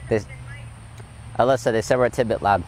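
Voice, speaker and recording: A man doing an off-air mic check, talking loudly and casually, joking about yelling. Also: mid-range voice, a little fast, a little hiss or hum.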